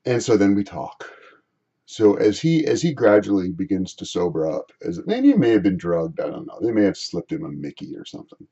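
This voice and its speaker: A man recounts a personal story to his viewers in a rambling, halting way, often doubling back on his phrases. His low voice carries a gravelly edge. The recording sounds dull and lo-fi. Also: sing-song, mellow. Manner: halting, repeats and restarts phrases. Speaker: vlogger.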